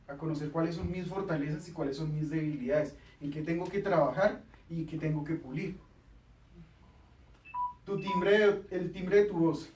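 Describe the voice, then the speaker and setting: A man's voice: a little high, darkish tone, reverberant, distant mic, rough recording. A man hosting a casual studio chat, explaining communication tips and acting out little quoted exchanges.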